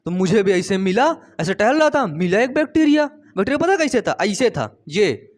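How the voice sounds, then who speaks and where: Man, biology teacher, playful storytelling lecture, quizzes students, high voice. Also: very animated, moderate pace. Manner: playful, asks students questions and repeats key terms.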